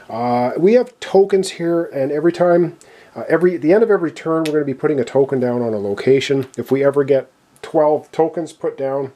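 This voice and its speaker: A man with a warm, medium-pitched voice gives a casual board game tutorial at an indoor gaming table. As player and presenter, he explains the setup to viewers step by step.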